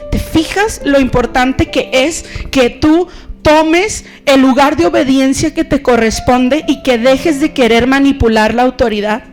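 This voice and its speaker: A woman pastor preaching a sermon in an animated, conversational way, acting out stories. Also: high voice.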